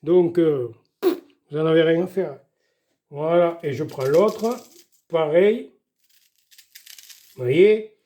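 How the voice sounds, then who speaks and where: A man's voice: on the high side, slow, long pauses, warm tone. Chatty older man showing how to cook. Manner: chatty, folksy, keeps saying "voilà" and "doucement". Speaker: home cook showing a recipe. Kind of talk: casual cooking demonstration.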